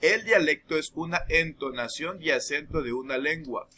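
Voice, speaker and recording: A man teaching a recorded lesson, explaining patiently and checking understanding with quick asides. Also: on the high side, sharp tone, slight background noise.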